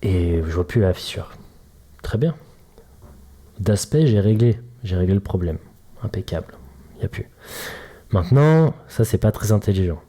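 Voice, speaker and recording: A man's voice: low voice, animated, normal speed, long pauses, mellow, slightly rough. A man hosting a casual solo podcast as a mobility coach, chatty and joking, explaining things to the listener through homely analogies. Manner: chatty, jokey, addresses listener directly with analogies.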